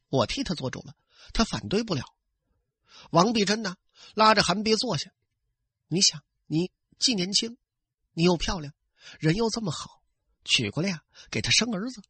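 A man's voice: sits high, bright, forceful tone, breathy edge, no room sound, heavily acted. A male storyteller voicing a persuasive, firm married woman who coaxes and insists as she makes her case. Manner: coaxing, insistent.

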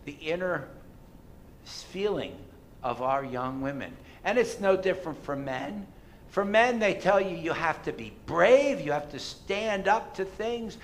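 Male pastor, sermon, slow deliberate delivery, slightly high voice, faint rumble behind. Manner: emphatic, rises loud on key phrases then drops quiet.

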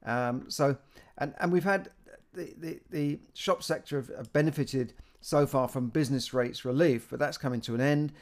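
Halting British man musing on the news. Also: mid-range voice. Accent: British English. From Britain. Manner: halting, many restarts and repeated words. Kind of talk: casual spoken commentary on economic news.

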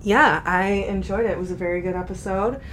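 A woman's voice: medium pitch, steady tone, fairly quick, fairly bright tone, slight background noise. A young adult woman co-hosting a podcast in casual, candid chat, laughing often. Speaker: podcast co-host.

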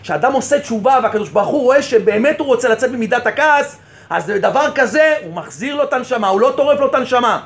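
A rabbi giving an impassioned sermon, asking rhetorical questions and repeating phrases for emphasis. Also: male voice, very high voice, expressive.

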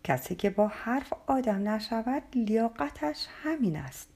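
A woman's voice: fairly high pitch, big pitch swings, mellow, husky, pitched above the performer's own voice, exaggerated voice. A woman voicing a harsh, bullying young male policeman in a storybook reading, scolding and menacing. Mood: threatening.

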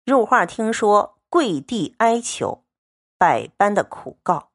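Animated woman lecturing on a classic novel. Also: medium pitch, takes it slowly, dry recording, studio quality. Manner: retells scenes, then explains them in plain words. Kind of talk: explanatory storytelling lecture.

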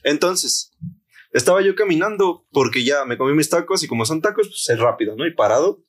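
A man's voice: on the high side, animated, a little fast. Young mexican guy telling a story all slangy, acts out voices. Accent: Mexican Spanish. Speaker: podcast co-host. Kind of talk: casual storytelling chat.

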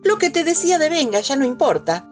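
A woman's voice: sing-song, a little fast, soft background music. A woman voicing a pleading, mischievous little girl with a Rioplatense accent, whiny and insistent. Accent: Rioplatense Spanish. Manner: whiny, insistent, high-pitched.

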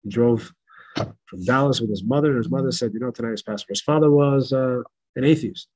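A man, a rabbi, teaching a Passover class with animated, emphatic repetition and stories. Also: medium pitch, fairly quick, breathy edge, low-quality recording. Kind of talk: Passover class reading and storytelling. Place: synagogue in El Paso.

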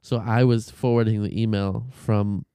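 A man's voice: on the low side, flat delivery, normal speed, mellow, clean tone, no room sound, studio quality. A man on a casual podcast, telling a long story with profanity, fillers and restarts. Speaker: podcast co-host.

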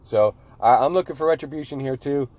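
A man with a mid-pitched voice hosts a sports podcast. He is chatty and informal, circling back on his own phrases, over a clearly audible music bed. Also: fast, a little mellow. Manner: chatty, repeats himself, informal. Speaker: podcast host. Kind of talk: casual sports podcast talk.

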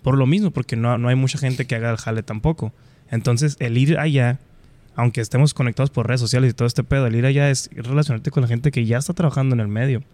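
Sonoran guy hosting a podcast, northern mexican accent, mid pitched, slangy storytelling. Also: warm tone. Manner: slangy, colloquial, explanatory. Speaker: podcast host. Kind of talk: casual storytelling chat.

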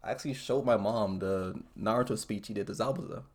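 A man's voice: on the low side, fast, a little mellow. A young American man hosting a casual anime chat, thinking aloud in an earnest, hesitant way. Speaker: podcast host.

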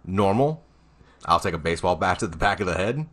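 A man's voice: low voice, fairly quick. A man chatting casually as a co-host, joking and laughing as he talks. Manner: laughing, animated storytelling. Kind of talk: casual chat.

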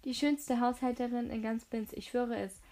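Charming, playful young son, read by a woman; no deep shift, pitch stays fairly high. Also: normal speed, natural voice. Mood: teasing. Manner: flattering, playful.

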